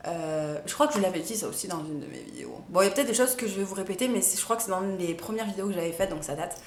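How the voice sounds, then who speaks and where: A woman's voice: fairly low pitch, very animated, rapid-fire, slight background noise. A young woman chatting casually to camera as a vlogger, with lots of fillers and hesitations. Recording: echoey room.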